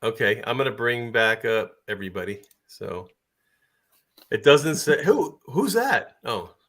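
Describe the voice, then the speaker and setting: A man's voice: mid-range voice, very animated, unhurried, fairly bright tone. A man hosting a casual livestream chat, talking easily and laughing often. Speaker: livestream host.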